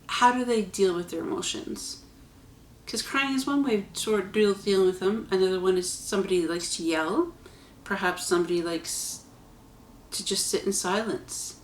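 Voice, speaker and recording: A woman talks straight to her viewers in an earnest, chatty way as the host of her own vlog. Her voice sits at an ordinary middle pitch and rings a little off the walls of the room. Faint background sound hums underneath. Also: echoey room, slight background noise. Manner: conversational, earnest, chatty asides. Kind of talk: casual spoken reflection to camera.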